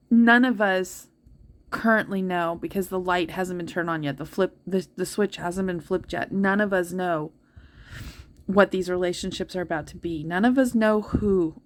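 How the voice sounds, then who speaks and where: A woman giving a heartfelt tarot reading, talking earnestly and directly to her listeners. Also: mid-range voice. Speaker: tarot reader. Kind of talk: spiritual tarot reading to viewers.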